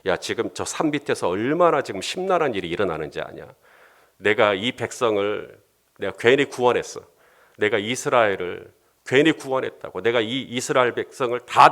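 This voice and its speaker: A man's voice: mid-range voice, fairly bright tone. A man voicing the God of the Old Testament as an exasperated male figure who speaks bluntly and informally.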